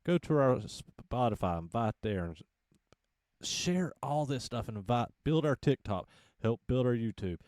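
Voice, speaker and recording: A man's voice: mid-range voice, lively intonation, unhurried, a little mellow, no echo. A man co-hosting a casual movie podcast, teasing and enthusiastic, on a close, dry mic. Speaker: podcast co-host.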